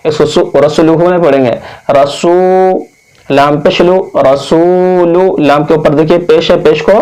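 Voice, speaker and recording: A man from India teaching Quran reading, spelling out each word slowly and patiently, drawing out long vowels. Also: fairly high pitch, steady tone, low-quality recording. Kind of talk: slow spelled-out recitation lesson.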